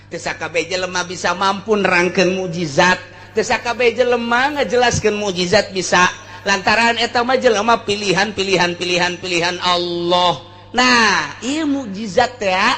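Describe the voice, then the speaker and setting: Pushed and bright, this man's voice sits high as he preaches an informal Islamic sermon with Arabic recitation. An Islamic teacher and preacher with a Sundanese accent, he speaks colloquially and earthily, repeating phrases for emphasis.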